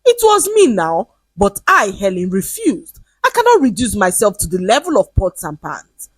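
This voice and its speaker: A woman's voice: medium pitch, huge pitch swings, moderate pace, husky, dry recording. A woman voicing a proud young woman who brags that a man begged to marry her. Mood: boastful. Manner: boastful and haughty.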